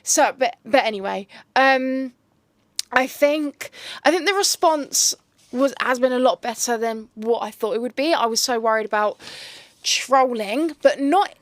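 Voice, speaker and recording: Young woman from England, reality show guest, high-pitched, dry close sound, hesitant and giggly. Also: measured pace, dry recording. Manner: chatty, hesitant, many fillers and restarts, giggly. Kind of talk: casual interview talk.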